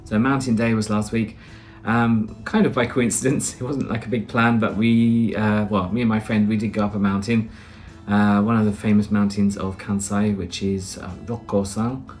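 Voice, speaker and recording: Soft music plays in the background as a British man in his thirties talks in a lowish, slightly mellow voice. His delivery is flat, at normal speed with few pauses, yet he rambles chattily with many "uh"s and restarts. It's casual vlog chat and voice-over narration recorded in a small plain room indoors.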